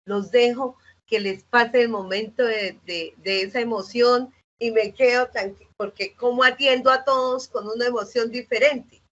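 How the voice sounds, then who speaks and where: A woman's voice: on the high side, fairly even intonation, moderate pace, a bit bright, dull audio. A woman teacher asking the speaker a question from the audience, hesitant and restarting her sentences.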